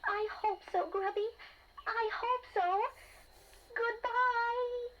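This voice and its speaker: Sweet high-voiced girlish caterpillar Karen. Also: fairly even intonation, slow, lo-fi sound, slight background noise. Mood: tearful, tender. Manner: gentle, coy, girlish. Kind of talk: children's storybook cassette acting. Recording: 1980s cassette with loud music behind.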